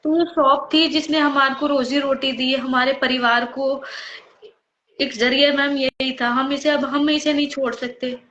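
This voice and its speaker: An earnest young woman speaks emotionally as a guest on a live chat. Her voice is high and the sound is dull, with room echo. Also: fairly even intonation, unhurried, a bit bright, slight background noise. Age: young adult. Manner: earnest and emotional, says "ma'am" often. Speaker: guest, shopkeeper.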